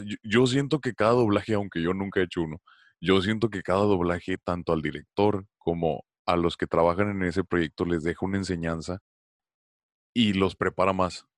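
A man interviewing a guest, talking casually in a relaxed, joking way. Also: sits low, no echo, clean studio sound. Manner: relaxed, joking, many fillers. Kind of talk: casual conversation.

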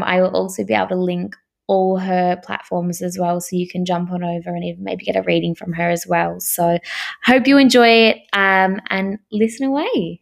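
A woman's voice: medium pitch, creaky. A woman hosting a podcast interview, encouraging and affirming, often saying yes. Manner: warm, encouraging, frequent yes. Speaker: podcast host.

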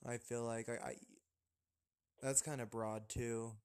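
A man co-hosting a casual podcast, relaxed and chatty, laughing often and restarting his sentences. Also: medium pitch, a little slow, clear, resonant tone. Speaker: podcast co-host. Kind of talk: casual chat.

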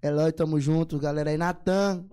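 A young man from São Luís in Brazil with a Maranhão accent, talking excitedly and full of slang in a casual podcast chat. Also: fairly high pitch, normal speed, clean tone. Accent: Maranhão Portuguese. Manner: excited, slangy, laughs easily. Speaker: singer guest.

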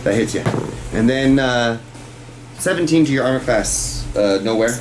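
A man's voice: medium pitch, lively intonation, normal speed, noisy background. A man acting as game master at a tabletop session, casual and salty-tongued, thinking aloud as he calls out rolls and results. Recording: echoey room with background music.

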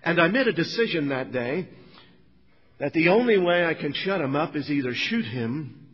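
A middle-aged man gives an earnest sermon testimony and turns now and then to the congregation with asides. His voice sits a little high and sounds husky. The recording is dull and lo-fi, with a long echo from the church hall. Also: lively intonation, moderate pace. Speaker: preacher.

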